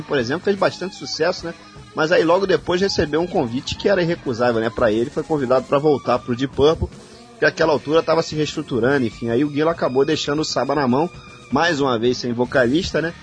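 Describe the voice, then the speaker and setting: A man with a Brazilian accent co-hosting a radio show, telling band history in a relaxed way and often adding "né?". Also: fairly high pitch. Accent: Brazilian Portuguese. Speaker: radio co-host. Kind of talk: casual radio chat about rock history.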